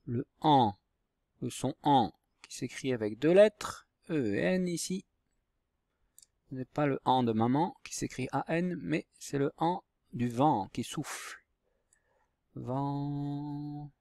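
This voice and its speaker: Slow patient male schoolteacher, dry close sound. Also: mid-range voice, expressive, gravelly, dark tone, no echo. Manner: slow, patient, spells out letters and syllables. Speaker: primary school teacher. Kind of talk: recorded handwriting and reading lesson for young pupils.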